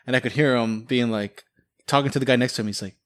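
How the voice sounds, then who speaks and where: A man's voice: medium pitch, steady tone, fast, a bit bright, smooth. A young man telling casual stories about his military training, rambling with lots of fillers and laughing often. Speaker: podcast guest, military veteran. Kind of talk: casual storytelling chat.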